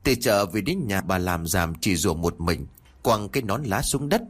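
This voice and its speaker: A man narrating a village horror story in a lively, dramatic reading. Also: deep voice, moderate pace.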